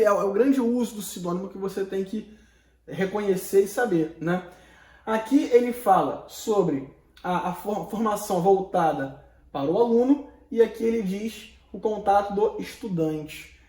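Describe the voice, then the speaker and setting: A man's voice: high-pitched, mellow, reverberant. A Brazilian man teaching a Portuguese lesson in a conversational, explanatory way, with casual slang and rhetorical questions. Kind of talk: online lesson lecture.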